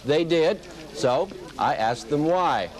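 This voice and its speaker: A man's voice: on the high side, expressive, slow pace, crowd noise. A man working as a television news reporter, delivering a scripted report and asking questions, heard on a 1970s broadcast.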